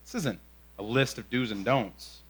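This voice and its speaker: A young adult man preaching a sermon in a conversational way, often asking "right?", moving between quick asides and slow, drawn-out emphasis. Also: medium pitch, a bit bright, breathy edge. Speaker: pastor.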